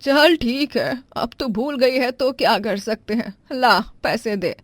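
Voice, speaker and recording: A woman voicing a stern, suspicious middle-aged mother-in-law who questions and scolds slowly. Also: a little high, animated, dry recording, voice pushed up.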